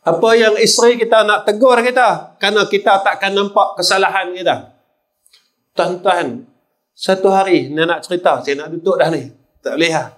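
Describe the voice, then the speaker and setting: A man's voice: high-pitched, normal speed, fairly bright tone. An older man with a Kedah Malay accent, preaching a sermon and telling stories to the congregation, often turning to address the listeners directly. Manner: storytelling, repeatedly addressing the audience as sirs.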